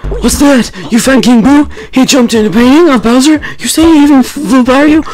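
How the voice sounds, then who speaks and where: A man's voice: very high voice, normal speed, a little mellow, pitched above the performer's own voice, low-quality recording. A man voicing a chatty elderly male ghost scientist in a doddering, old-fashioned way, reading game dialogue. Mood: wondering.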